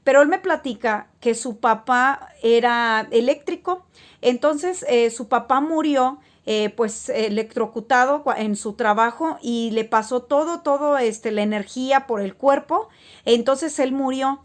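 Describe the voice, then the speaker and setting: Rambling woman, higher voice. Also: a little slow. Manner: rambling, frequent filler words and restarts. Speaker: spiritual vlogger. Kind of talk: casual storytelling to camera.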